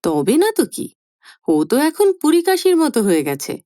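A woman voicing a grown son in a storybook reading, hurried and sheepish, talking too much to cover his unease. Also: on the high side, big pitch swings, darkish tone, no room sound, clean studio sound. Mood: flustered. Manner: hurried, over-explaining, sheepish. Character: anxious grown son, eager and flustered. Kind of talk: audiobook character voice.

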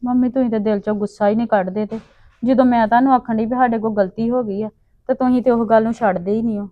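A woman's voice: a little high, fairly even intonation, fast, no echo, narrow, tinny audio. A woman with a Punjabi accent acting a pleading daughter-in-law in a family drama. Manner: pleading, appeasing.

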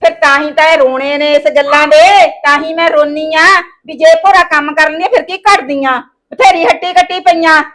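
A woman's voice: high voice, moderate pace, a bit bright. A woman, playing a scheming daughter-in-law who scolds and wheedles in a village family drama. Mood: angry. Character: sharp-tongued scheming young daughter-in-law.

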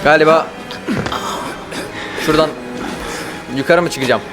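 A man giving live commentary while playing a horror game, jumpy and panicky, often yelling and swearing. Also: fairly high pitch, unhurried, loud music behind the voice.

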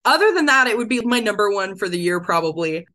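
A woman co-hosting a podcast, chatting casually and reading through a quick list with enthusiasm. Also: mid-range voice, very animated, bright, forceful tone. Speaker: podcast co-host. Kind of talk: casual chat.

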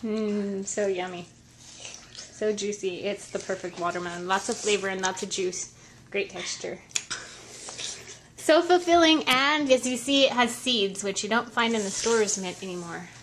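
A woman's voice: mid-range voice, moderate pace, slight background noise. A woman filming a casual home video, chatting upbeat with her child and the camera. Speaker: vlogger and mother. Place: garden, then indoors at home.

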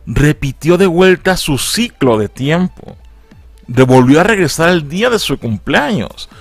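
A man's voice: fairly high pitch, big pitch swings, unhurried, no room sound, soft background music. A man with a Mexican accent, recapping a film in a casual, slangy way and acting out characters' lines in a raised voice. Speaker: film reviewer.

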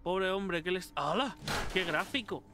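An excitable man with a Spain Spanish accent gives casual let's-play commentary. His voice sits a little high, and he swears freely while joking at the game. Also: unhurried, noisy background. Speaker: gameplay commentator.

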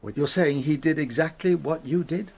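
A man with an English accent acting in a radio drama as a loyal, blustery, exasperated gentleman doctor. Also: on the high side, normal speed, creaky, breathy edge. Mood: grudging, puzzled.

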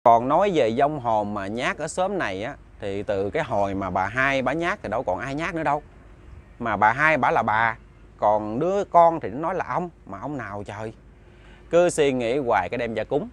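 A man's voice: medium pitch, animated, normal speed. A man with a Southern Vietnamese accent telling a ghost story in a chatty, casual way, speaking directly to his listeners.

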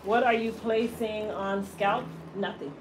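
A woman's voice: medium pitch, steady tone, a little slow, background noise. A woman hair stylist chatting casually as she explains her work in a small salon, laughing at viewer comments. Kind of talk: casual salon tutorial livestream.

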